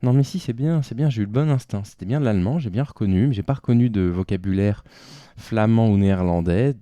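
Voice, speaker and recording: A deep-voiced man talks his way through a geography game, thinking aloud and coaching himself. His tone is dark and mellow, recorded close and dry with no room sound. Now and then he mutters and lets his sentences trail off. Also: fast, no room sound. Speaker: game commentator. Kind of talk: live game commentary.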